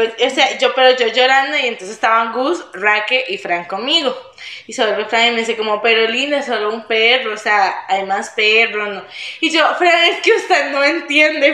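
A young woman with a Costa Rican accent telling a story in casual chat, acting out her own wailing in a high strained voice. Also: normal speed, pushed and bright, roomy sound. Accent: Costa Rican Spanish. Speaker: podcast co-host.

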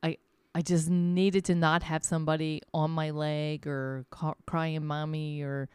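A middle-aged woman in casual podcast chat, encouraging and quick to laugh. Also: low-pitched, little pitch movement, darkish tone, smooth, no echo.

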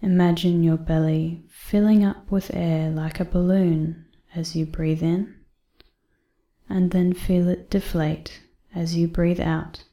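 A woman reading a guided breathing exercise in a soft, calm voice that often drops to a half-whisper. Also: on the low side, takes it slowly, echoey room. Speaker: meditation guide.

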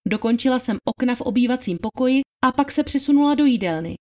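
A woman's voice: a little high, lively intonation, darkish tone, natural voice. A woman reading the part of a deferential young housemaid giving witness testimony in plain, polite answers. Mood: testifying. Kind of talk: dramatized trial testimony reading.

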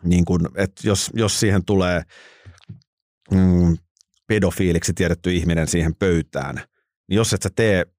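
A male interviewer with a fairly low voice who asks relaxed, curious questions with easy fillers. He sounds dry and close to the mic. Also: pauses often, dry recording. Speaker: interviewer, host. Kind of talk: casual interview.

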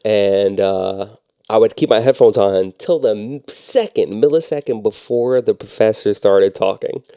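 Laid-back low-voiced man podcasting. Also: unhurried, warm tone, clean tone, no echo, studio quality. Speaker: podcast co-host. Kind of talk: casual chat.

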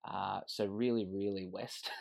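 His low-pitched, gravelly voice moves slowly with fairly even intonation. A thirty-something guest from Western Sydney, Australia, with an Australian accent, he recounts his life story on a podcast, candid, earnest and reflective.

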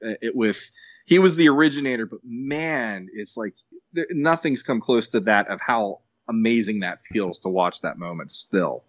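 Animated rambling man, dull lo-fi sound. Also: lowish voice, moderate pace, dry recording. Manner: animated, rambling, acts out quotes. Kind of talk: casual podcast chat.

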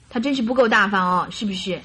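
In a radio drama, an actress plays a chatty, carefree young bride who is naive and open, complaining and coaxing in an animated, girlish way. Her voice is medium-pitched and husky.

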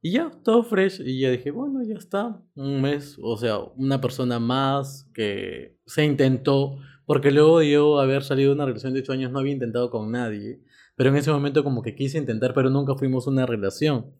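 A man's voice: mid-range voice, brisk, darkish tone. A young man, co-hosting a podcast and telling a personal story in a casual, teasing way. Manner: playful and teasing, laughs often. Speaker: podcast co-host.

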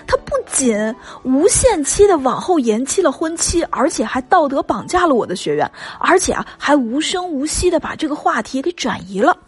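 A woman's voice: sits high, very animated, moderate pace, hardly any pauses. A woman coaching her listeners on relationships in a chatty, emphatic spoken lesson full of rhetorical questions.

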